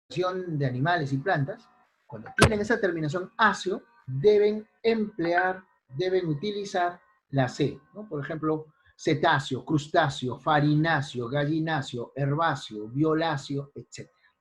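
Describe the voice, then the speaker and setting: A man teaching an online spelling class, listing example words one by one and checking in with his students. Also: fairly high pitch. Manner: slow, deliberate, lists examples and checks in with "¿ya?". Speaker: language teacher. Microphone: computer mic in an online class.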